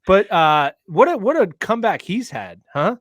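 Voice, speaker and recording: Jokey podcast host with a lighter voice. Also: male voice, sits high, big pitch swings, fairly bright tone, no echo, studio quality. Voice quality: whiny comedian voice. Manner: jokey, self-deprecating, quick laughs. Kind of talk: casual chat.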